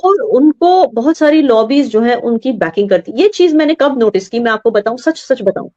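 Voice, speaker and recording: A woman's voice: a little high, lively intonation, normal speed, warm tone, dry recording. A woman from Kashmir, a guest who argues her point earnestly and emphatically with homely examples. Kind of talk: earnest conversational argument. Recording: dry, slightly muffled audio.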